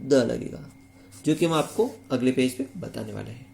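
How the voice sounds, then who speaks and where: A man's voice: mid-range voice, moderate pace, creaky, a little mellow, a little hiss or hum. A man teaching English grammar in a video lesson, speaking with a Hindi accent and repeating key words as he asks rhetorical questions. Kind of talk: classroom-style video lesson.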